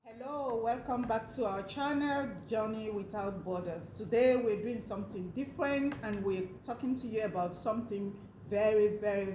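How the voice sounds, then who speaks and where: A woman co-hosts a relaxed, chatty conversation, using lots of fillers. Her voice is on the high side and warm, recorded in an echoey room with faint noise.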